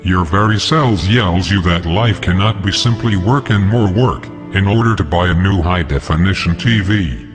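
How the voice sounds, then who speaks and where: Speaking at a moderate pace and rarely pausing, a man delivers a scripted manifesto in a defiant, declaiming way. His voice is disguised, deep and pitched down, over background music.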